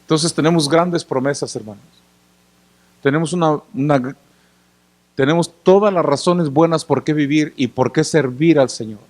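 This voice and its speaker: Conversational pastor, higher voice. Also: male voice, moderate pace, a little mellow. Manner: conversational, asks the congregation questions often; acts out little scenes and gestures. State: tired after working in the sun. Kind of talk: sermon.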